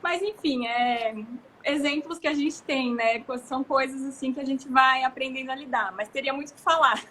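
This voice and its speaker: A Brazilian woman in her thirties talks expansively as a guest in a live chat, her voice high and bright. She tells stories with animated energy, over a faint hiss of noise. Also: normal speed. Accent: Brazilian Portuguese. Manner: expansive, gesturing, animated storytelling. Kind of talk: casual live conversation.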